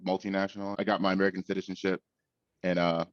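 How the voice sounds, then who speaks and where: Man, very deep voice, flat delivery, relaxed with uh pauses, dry muffled sound. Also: no room sound. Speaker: interviewee. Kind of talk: documentary interview.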